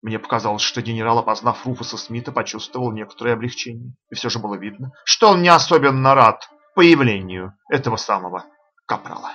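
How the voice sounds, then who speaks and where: A man reading a novel aloud as audiobook narrator, with steady, measured storytelling. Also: mid-range voice, husky, highs cut off. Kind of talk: scripted narration.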